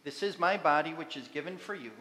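A man as pastor leading liturgy and prayer in a measured recited way, his voice ringing with long church reverb. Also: on the high side, pushed and bright. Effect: long echoing church reverb. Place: church sanctuary. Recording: echoey church hall with congregation.

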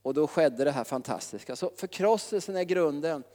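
Man, preacher, lively folksy sermon, mumbled self-pity asides, fairly high voice, long reverb of a hall. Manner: lively, folksy, with frequent tag questions; acts out whiny self-pity in a low murmur.

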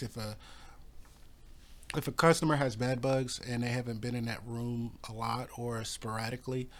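Hoarse, coughing man. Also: medium pitch. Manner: rambling, halting, many fillers and restarts. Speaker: pest control business owner. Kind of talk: casual informational talk.

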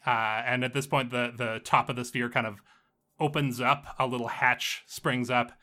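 A man runs a tabletop role-playing game, narrating scenes at an easy pace. His voice is bright and forward, and he often repeats words mid-sentence. His pitch sits in the middle range for a man. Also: level tone, normal speed. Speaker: game master.

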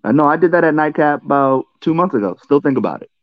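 A man's voice: on the high side, lively intonation, fast talker, no room sound. Laid-back male guest, slightly dull sound. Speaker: podcast guest, comedian. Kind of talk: casual podcast chat.

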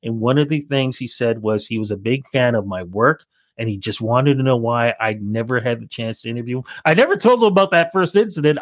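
A man's voice: medium pitch, dry recording, studio quality. A middle-aged Canadian man, a radio reporter, telling stories as an interview guest and acting out both voices of remembered phone calls. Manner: animated storyteller who acts out both sides of remembered phone calls. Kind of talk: casual storytelling in an interview.

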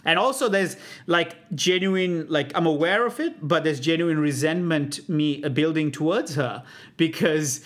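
Aussie guy in his 30s telling stories, swears a lot, bit high voice. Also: measured pace. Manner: animated storyteller, swears freely, acts out both sides of calls. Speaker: guest. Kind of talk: casual chat.

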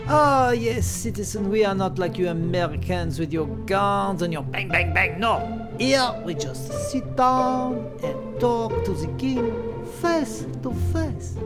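An actor playing a fussy, flamboyant French revolutionary official in a comic musical, with theatrical, exaggerated delivery over loud music. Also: male voice, high-pitched, slow pace. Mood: showy.

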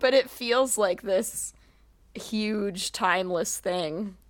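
A woman who teaches first grade, co-hosting a book podcast in casual chat, giggly and animated, with lots of "like". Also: mid-range voice, slow, no echo.

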